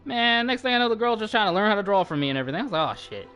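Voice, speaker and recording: A young man telling a story in a loose, animated way, his pitch swinging widely from line to line. He swears freely and breaks into laughter, like someone chatting to viewers while gaming. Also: racing, smooth, soft background music. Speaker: channel host.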